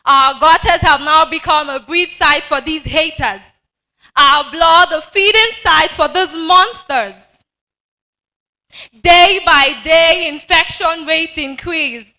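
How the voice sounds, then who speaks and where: A woman performing a spoken-word poem. Her voice is high and bright, and her delivery is slow and dramatic. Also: poor audio.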